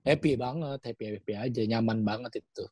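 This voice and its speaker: A man, a comedian and TV performer, reflecting in a relaxed and slightly halting way in casual panel talk. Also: medium pitch, breathy edge, dry recording.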